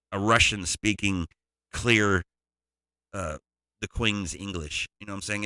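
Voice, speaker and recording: A man's voice: sits low, sharp tone, no echo. A man who produces music, talking casually through a tutorial, rambling and restarting his sentences.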